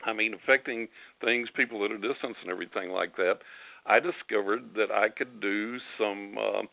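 A man's voice: on the low side, steady tone, normal speed, vocal fry. A man speaks with a West Texas twang and a distinctive drawl. He tells stories in a casual, folksy manner. The sound is narrow like a phone line, with very little room echo. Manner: folksy, chuckles while telling anecdotes. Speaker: psychic giving readings as guest on a call-in show. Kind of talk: casual talk and storytelling.

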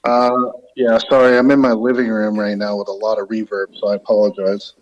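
A man's voice: fairly low pitch, flat delivery, a little fast, dull audio. A man in casual, joking chat as a radio show guest, calling in from a living room full of reverb. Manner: joking, playful. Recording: echoey reverberant room, off mic.

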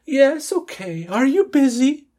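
A man voicing a woman office worker greeting a colleague in a raised, high pitch. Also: big pitch swings, slow, warm tone, heavily acted. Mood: cheerful.

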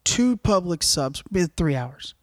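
A man's voice: fairly high pitch, sing-song, slow, dry recording, clean studio sound. A young man, a podcast co-host, telling a rambling, profane story in casual chat and often laughing.

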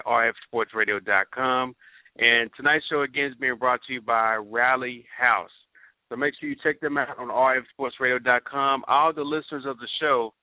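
A man hosting a sports talk show, plugging sponsors with eager, filler-heavy chat. His voice is mid-pitched and sounds dry and thin, like a phone line. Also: no room sound. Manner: upbeat, promotional, lots of fillers. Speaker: sports radio host.

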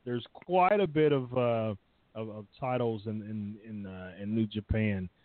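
A man's voice: lowish voice, measured pace, no echo. A man calling in over the phone, chatting casually and rambling with lots of filler words. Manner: rambling, heavy on "uh" and "you know". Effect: over the phone, line cutting in and out. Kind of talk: casual wrestling chat. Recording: thin phone line, dry.

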